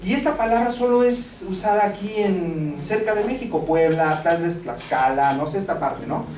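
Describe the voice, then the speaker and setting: A man's voice: high voice, normal speed, a little mellow. A Mexican man giving a casual, anecdote-filled law lecture to a class, peppering his talk with rhetorical questions. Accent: Mexican Spanish. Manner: conversational, anecdotal, frequent rhetorical "¿no?". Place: university classroom. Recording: echoey classroom, distant mic, noisy.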